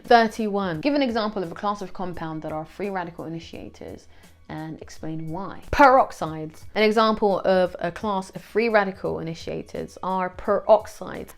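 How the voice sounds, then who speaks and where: A woman tutor with a gravelly, creaky voice reads out revision questions and answers each one, dropping dry asides in between. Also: mid-range voice.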